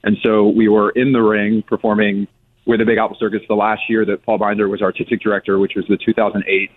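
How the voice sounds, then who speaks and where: A man's voice: lowish voice, flat delivery, fast. A man in his thirties answering questions as a guest executive in a radio interview. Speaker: circus chief executive, guest. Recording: thin, phone-like band-limited sound.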